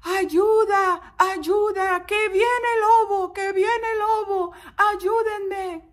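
Storybook shepherd boy, bored young prankster voiced by a woman; high, loud and shouty. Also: moderate pace. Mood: panicked. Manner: shouting, high-pitched, playful.

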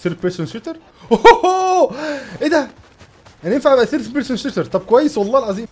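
A young man with an Egyptian Arabic accent hosting excited gameplay commentary, gushing and laughing as he plays. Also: extremely high pitch, racing, breathy edge. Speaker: gaming channel host.

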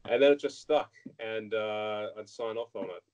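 Australian man, low voice, casual interview, frank, restarts. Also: normal speed, a little mellow, clear, resonant tone, lo-fi sound. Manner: frank, anecdotal, frequent restarts. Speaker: guest politician.

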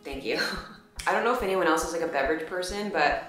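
A woman's voice: sits low, fast, a bit bright, soft background music. A young woman chatting casually to camera as a vlogger, with a wry, playful manner. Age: young adult. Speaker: vlogger opening fan gifts. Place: small plain indoor room. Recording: echoey small room.

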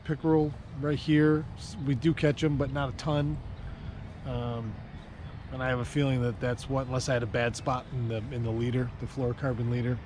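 A man's voice: mid-range voice, moderate pace. Chatty man fishing off a dock. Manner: chatty, excited when fish strike. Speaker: fishing channel host. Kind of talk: casual fishing vlog narration. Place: outdoors on a lake dock. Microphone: action camera, chest-mounted then on a stand. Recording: outdoor camera mic with noticeable background noise.

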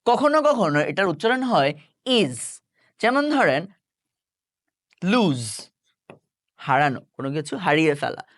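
A man's voice: a little high, big pitch swings, unhurried, pauses often, fairly bright tone, no room sound, clean studio sound. A middle-aged man, teaching an online English lesson. He explains step by step and keeps asking rhetorical check questions.

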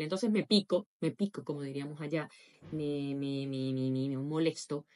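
A young woman from Latin America, chatting casually to her followers in a vlog and acting out quoted voices with lively expression. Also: low voice. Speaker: vlogger.

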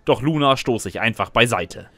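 A man's mid-range voice, expressive, bright and forceful, comes at normal speed with no room sound. As a sarcastic student who is both narrator and lead, he wryly narrates his own chaotic life in a scripted comic first-person telling.

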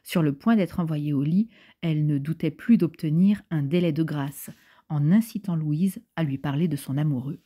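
A woman narrating a novel as an audiobook in a measured, even reading. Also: sits low, slightly rough. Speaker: audiobook reader. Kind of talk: scripted narration.

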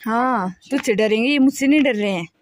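A woman's voice: a little high, fairly quick, a little hiss or hum. A woman with a tired voice chatting casually in a family vlog, filmed outdoors on a handheld phone while coaxing a small child. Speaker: family vlogger. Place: outdoors at a hillside home among trees.

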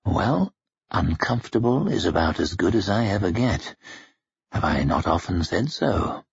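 A man's voice: deep voice, very animated, measured pace, creaky, husky, no room sound, muffled recording, exaggerated voice. A man voicing a toothless, crippled old man, a sardonic inquisitor who talks in a wry, self-mocking way.

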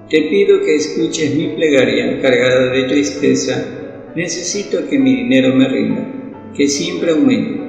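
A man reciting a devotional prayer in a solemn, pleading, measured way. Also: medium pitch, vocal fry. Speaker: prayer reader. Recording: very echoey reverberant room, soft guitar behind.

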